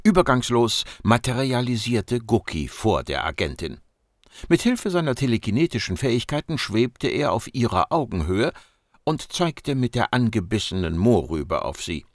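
A man narrating an audiobook in a mid-pitched voice. His reading is expressive, with lively swings in pitch. The sound is dry and close to the mic. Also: moderate pace, dry recording. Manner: expressive storytelling. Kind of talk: scripted narration.

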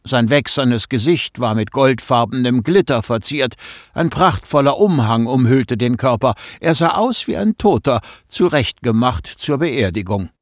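A man narrating an audiobook in a measured storytelling manner, close to the mic. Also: mid-range voice, expressive, no echo. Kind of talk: scripted narration.

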